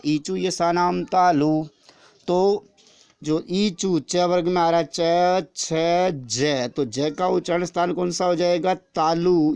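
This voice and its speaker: A man's voice: high voice, darkish tone, dry recording. A man teaching an exam-prep grammar lesson, explaining step by step and repeating each answer after asking the question himself.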